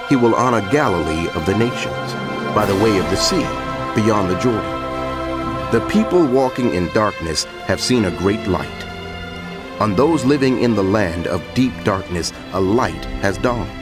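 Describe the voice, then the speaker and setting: Man doing dramatic bible narration, solemn n declamatory, lowish voice, music clearly playing behind him. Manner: solemn, declamatory, with deliberate pauses. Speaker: scripture narrator. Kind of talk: dramatized scripture reading. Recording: music bed under the voice. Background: background music.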